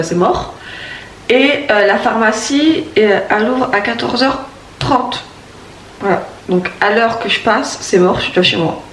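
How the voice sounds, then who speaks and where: A young woman from the Paris region, with a sore throat, chatting casually to camera at home in a rambling, hesitant way with many restarts. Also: mid-range voice. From Paris region, France. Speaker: vlogger. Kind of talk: casual morning chat to camera. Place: at home, indoors. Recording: echoey room, voice far from mic, faint hum.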